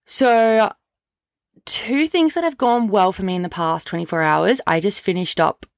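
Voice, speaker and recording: Speaking a little slowly in a mid-range voice, a young adult woman hosts a solo podcast, chatting informally and often saying "like" and "literally." She is recorded close and dry on a cheap USB microphone, with no room sound.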